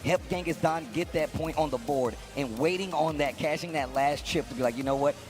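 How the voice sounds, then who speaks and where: A man's voice: on the high side, fairly quick. Male esports commentator, casual over music. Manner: casual, slangy analysis. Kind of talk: live fighting game commentary. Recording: music playing behind the voice.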